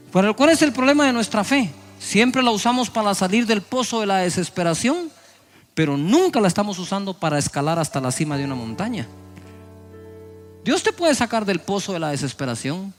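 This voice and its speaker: A man's voice: high-pitched, big pitch swings, a little fast, faint music behind. A middle-aged male pastor preaching a sermon, acting out people's prayers with sudden raised voices. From Guatemala.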